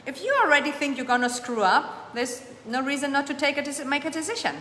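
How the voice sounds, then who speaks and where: Bright, echoey motivational woman host. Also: high-pitched, quick pace. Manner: warm, emphatic, repeats phrases for emphasis; reads viewer comments aloud and answers them. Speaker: host of a live coaching show. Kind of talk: motivational live-stream coaching. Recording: echoey room with long reverb, faint ambience.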